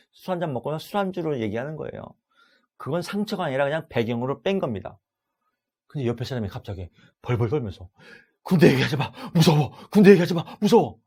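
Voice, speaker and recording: A middle-aged man teaches an exam-prep class in a loud, animated way. His voice sits at an ordinary mid pitch. He keeps the lesson lively by acting out short exchanges. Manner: loud, animated, acts out dialogues. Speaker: lecturer.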